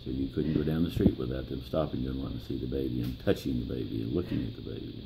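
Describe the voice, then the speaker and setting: An elderly American man with a gravelly old voice, reminiscing in a plain-spoken, halting way in an interview. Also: very deep voice, fairly even intonation, over loud music, rough recording. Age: 70s or older. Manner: plain-spoken, halting, pausing mid-phrase. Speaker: interviewee, grandfather.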